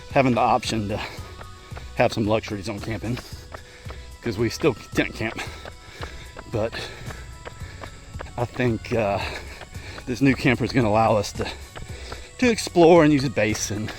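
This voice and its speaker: A middle-aged man chatting casually and ramblingly to his vlog while running, in short broken phrases with pauses. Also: mid-range voice, poor audio. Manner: talking while running, slightly effortful. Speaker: vlogger. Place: outdoors, on the move.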